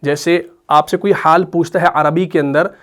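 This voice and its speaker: A man with an Urdu accent patiently teaches the rules of Quran reading, often checking that his students understand, in an explanatory lesson with slow chanted recitation. His voice is a little high and a bit bright, with fairly even intonation at normal speed.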